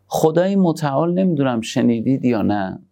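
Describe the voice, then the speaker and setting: Gravelly-voiced man preaching gently. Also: medium pitch, big pitch swings. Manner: conversational preaching, shifts between soft tender asides and emphatic points. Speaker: religious speaker. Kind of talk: sermon on parenting.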